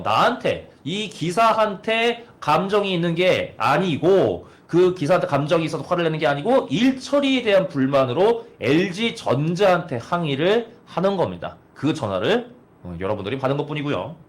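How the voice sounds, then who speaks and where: A man in his thirties giving a training lecture to installers, often opening with a filler and asking the audience questions. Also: a little high. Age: 30s. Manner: poses rhetorical questions to listeners; opens sentences with "ja". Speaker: trainer for air conditioner installers.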